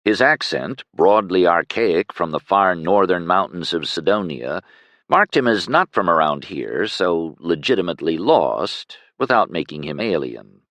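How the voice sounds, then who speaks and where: A man narrating a fantasy audiobook in an expressive storytelling manner. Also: a little slow, dry recording. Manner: expressive storytelling with lively pitch swings.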